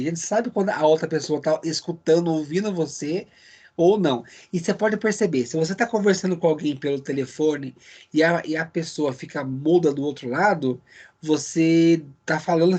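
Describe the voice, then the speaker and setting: Husky-voiced male teacher, conversational. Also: fairly high pitch, fairly quick, darkish tone. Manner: conversational, checks in with students by name. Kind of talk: live online class lecture.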